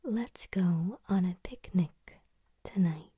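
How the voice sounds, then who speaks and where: A young woman gives an ASMR whispered role-play in a soft bedside voice. Her whisper is breathy and dark, unhurried and soothing. She sits very close to the microphone. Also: on the low side, dry recording. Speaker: ASMR host leading vocal warm-ups. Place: small room at home, indoors. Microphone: close to the mic, leaning in.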